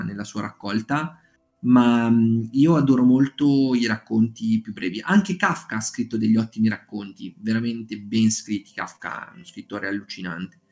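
A man's voice: mid-range voice, darkish tone. A man hosting a casual live stream, recommending short stories and chatting with his audience, with lots of fillers and restarts. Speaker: streamer leading a writing group. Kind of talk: casual live-stream chat with book reading.

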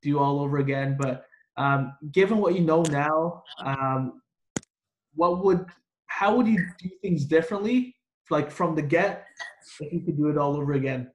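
A man hosts an interview, asking reflective questions and filling pauses with "um" and "like." His voice is a little high for a man. The recording has a roomy echo around him. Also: slight background noise. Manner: reflective, uses fillers like um and like. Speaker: host. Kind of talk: podcast interview.

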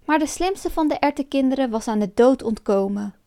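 A woman narrating a folk tale in a calm, expressive storytelling manner. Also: sits high, brisk.

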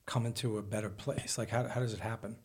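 A man's voice: fairly low pitch, steady tone, quick pace, slightly rough. A man hosting an interview podcast, asking questions in a hesitant way, searching for words. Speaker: podcast host. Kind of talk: casual interview.

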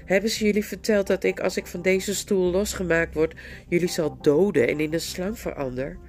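A woman voicing an enchanted young male knight who begs and pleads, breaking into frantic shouts. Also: on the low side, steady tone, normal speed, soft background music, lightly acted. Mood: pleading.

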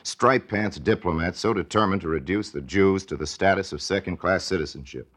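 Casting: male narrator playing indignant, bitter American statesman, 1940s radio drama, deep voice, emphatic oratory. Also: brisk, fairly bright tone.

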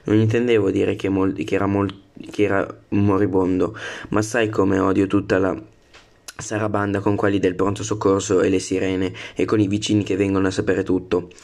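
A man's voice: low-pitched, level tone, normal speed, gravelly, darkish tone. A man reading a dismissive older father. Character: recovering older father, downplaying his scare.

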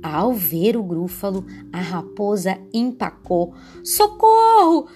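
Expressive woman reading a picture book. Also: medium pitch, moderate pace, soft background music. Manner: expressive, rhyming storytelling. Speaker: storyteller.

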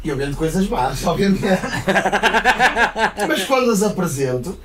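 A man's voice: sits high, sing-song, a little fast, a little hiss or hum. A man with a Portuguese accent talking casually in a group discussion, often checking that he is understood with short tag questions. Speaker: salesman.

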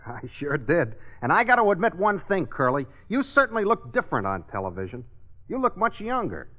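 An actor playing a brash, cheerfully insulting young pal in a 1950s radio sitcom. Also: male voice, on the high side, wildly swooping pitch, brisk. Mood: cheeky. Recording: muffled vintage radio broadcast.

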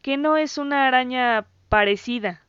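A woman's voice: high-pitched, normal speed, a bit bright, smooth, no echo, dull audio, voice pushed up. A woman voicing a proud boy who boasts and defends himself. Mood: insistent. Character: proud boy, cocky but uneasy.

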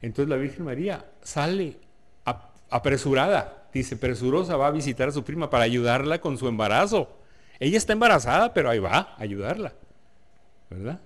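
A man's voice: medium pitch, lively intonation, fairly quick. A man preaching a sermon in a conversational way, often asking the listeners rhetorical questions and joking with them. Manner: jokes with the audience.

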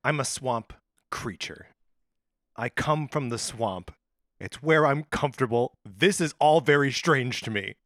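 A man's voice: medium pitch, lively intonation, measured pace, fairly bright tone, no echo, clean studio sound. A man playing a gloomy male swamp creature in an improvised comedy audio drama, talking in a sulky, brooding way. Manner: sulky, then menacing and brooding.

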